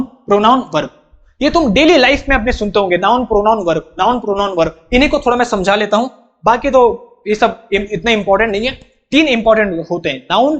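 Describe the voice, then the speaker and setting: A man's voice: very high voice, a bit bright, highs cut off. A man teaching a grammar lesson in an emphatic way. He keeps asking questions, answers them himself and drills terms by repeating them. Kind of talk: classroom-style grammar lesson.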